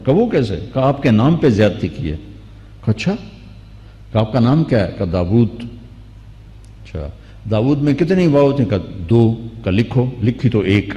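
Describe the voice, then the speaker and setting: A man preaching a sermon, telling a story with acted dialogue that rises into animated outbursts. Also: medium pitch, long pauses, long reverb tail. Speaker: Islamic preacher.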